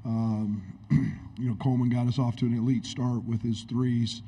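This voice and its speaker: A middle-aged man, a head basketball coach, answering questions at a postgame press conference in a halting, reflective way, speaking into a table microphone indoors. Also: medium pitch, level tone, vocal fry, mellow, husky. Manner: halting, reflective, many restarts. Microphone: table microphone on stand.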